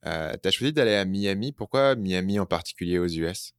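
A man from France hosting an interview, asking curious questions in a casual, quick way. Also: low voice, expressive, clean tone, no echo, studio quality. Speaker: interview host.

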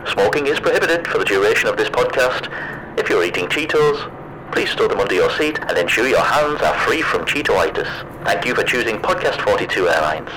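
A man's voice: mid-range voice, sing-song, brisk, background noise, lightly acted. A man playing a flight attendant, giving a polite, formal cabin announcement in a scripted parody style.

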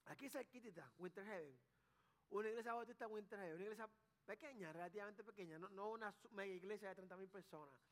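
A man's voice: high-pitched, fast, in a large hall. A man preaching a sermon as pastor, mixing folksy sayings with rising emphasis.

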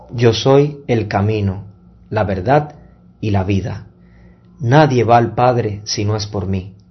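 A man speaking as a priest at Mass, measured and deliberate, in solemn liturgical reading and preaching. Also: fairly low pitch, husky, highs cut off. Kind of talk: solemn Gospel reading and homily. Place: church Mass livestream.

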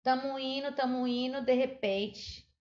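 A woman co-hosting a podcast, chatting and telling a story in a relaxed way. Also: sits high, measured pace. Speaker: podcast co-host. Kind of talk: casual chat. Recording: roomy, dull lo-fi sound.

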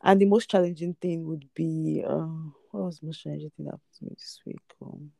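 Croaky woman, morning voice. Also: deep voice, steady tone, brisk, dark tone, no echo. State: croaky, just woken. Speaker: podcast co-host. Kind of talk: casual chat.

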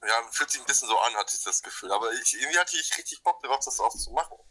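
A man's voice: mid-range voice, lively intonation, racing, bright, forceful tone. A man calling in on speakerphone as a spontaneous guest, joking around in loose, slangy casual chat. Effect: on speakerphone over a phone call.

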